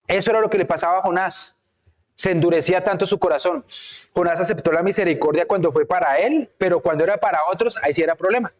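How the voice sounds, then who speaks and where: A man's voice: sits high, quick pace. Male preacher with a raised voice who works the congregation with questions and acts out scripture scenes. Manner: frequent rhetorical checks with the congregation; acts out biblical characters' words. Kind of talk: sermon. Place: church in Canada.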